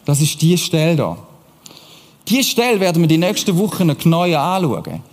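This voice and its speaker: A man preaches to a congregation, keeping a conversational tone and often putting questions to his listeners. His voice sits fairly high for a man. The sound rings with the long reverb of a church hall. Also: very animated, normal speed, a little mellow. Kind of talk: sermon.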